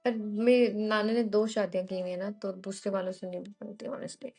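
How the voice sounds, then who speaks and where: A young woman telling stories casually on a live stream, switching freely between Hindi-Urdu and English, emotional and animated. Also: medium pitch, normal speed, gravelly, slightly rough, faint music behind.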